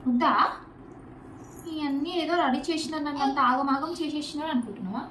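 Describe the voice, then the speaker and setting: High, bright sing-song woman coaxing a child. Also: fairly quick, recorded from a distance, a little hiss or hum. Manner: sing-song baby talk, cooing and repeating. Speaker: family vlogger. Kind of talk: casual vlog, coaxing a small child. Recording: echoey room.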